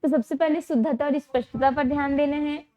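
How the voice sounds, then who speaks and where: High-pitched lady teacher doing exam prep, repeats stuff slow, keeps asking "got it?". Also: fairly even intonation, warm tone. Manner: repeats key terms slowly, checks understanding with rhetorical questions.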